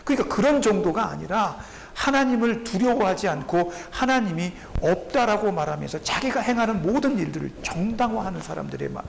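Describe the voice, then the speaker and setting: A man's voice: sits high, lively intonation, fairly quick, vocal fry, few pauses, a little hiss or hum, poor audio. A male pastor preaching a sermon. He explains the text with rhetorical questions and briefly acts out the voices he quotes.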